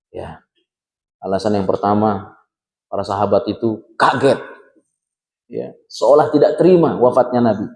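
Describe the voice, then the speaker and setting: A man preaching a sermon to a congregation, lively and full of rhetorical questions, ending phrases with a quick "ya". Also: fairly high pitch. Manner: lively, asks rhetorical questions and tags lines with "ya". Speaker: Islamic preacher. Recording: echoey hall with long reverb.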